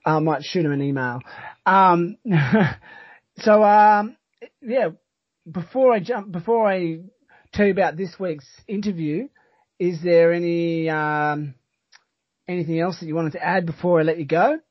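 An Australian man hosting a podcast in casual chat, talking in a halting, rambling but enthusiastic way. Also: on the high side, no echo. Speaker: podcast host. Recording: dull, lo-fi sound.

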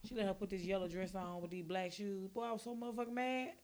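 Animated, cursing middle-aged woman. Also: medium pitch, fast, a loud crowd. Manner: animated, profane storytelling; exasperated ranting. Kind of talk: casual chat.

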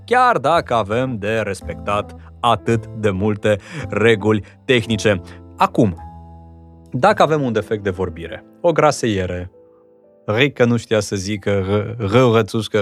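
A man hosting a podcast as a voice and diction teacher, asking his guest careful questions in clear, articulate speech. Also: lowish voice. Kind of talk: podcast interview.

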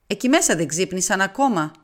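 A woman's voice: medium pitch, animated, natural voice. A woman voicing a weary, tormented dying man in an audiobook, with pained, pleading words.

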